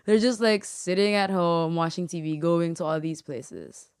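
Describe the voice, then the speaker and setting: A woman's voice: fairly low pitch, normal speed, darkish tone, smooth, dry recording. Podcast guest, woman in her twenties, raised in the Philippines, bubbly and giggly, dry recording. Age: 20s. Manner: bubbly, laughs often, acts out quoted dialogue. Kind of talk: casual podcast chat.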